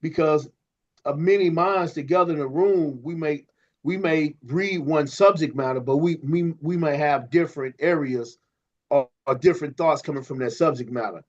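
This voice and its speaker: A man co-hosting a podcast, talking in an animated, preachy way to a guest and stumbling over repeated words. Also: on the high side, normal speed. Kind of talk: casual podcast conversation. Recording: slightly dull lo-fi audio.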